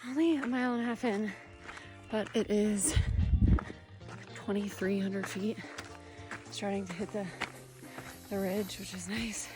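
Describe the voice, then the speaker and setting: A woman's voice: medium pitch, fairly even intonation, measured pace, pauses often. A woman vlogging casually outdoors on a mountain trail, talking slightly breathlessly while hiking and running. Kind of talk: casual self-filmed vlog talk. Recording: music behind the voice.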